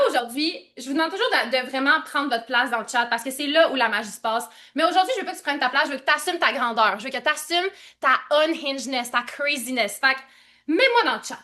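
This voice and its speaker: A high, bright-voiced young woman with a Québécois accent hosts a live coaching stream. She talks loud and fast, laughs a lot and sprinkles in English slang. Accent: Québécois French. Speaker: coach hosting a live session.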